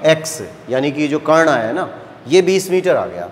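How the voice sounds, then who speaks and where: Male maths teacher, higher voice, slow and patient classroom delivery, reverberant room. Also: sing-song, a little hiss or hum. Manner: slow, patient explaining, often checking "है ना". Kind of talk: classroom lecture at a board. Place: classroom with a board.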